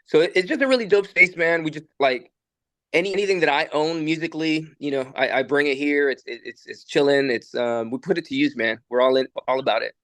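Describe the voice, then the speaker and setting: In a casual podcast chat from a recording studio, a young musician and producer from El Salvador rambles in a laid-back way, restarting often and leaning on fillers. His voice is a little high and a little fast, fairly bright, with no room sound.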